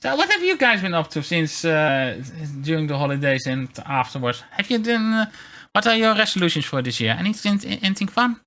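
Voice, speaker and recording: A man livestreaming in a casual chat, talking in a halting, rambling way with wry, self-deprecating grumbles. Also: a little high, big pitch swings, pushed and bright. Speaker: VTuber streamer.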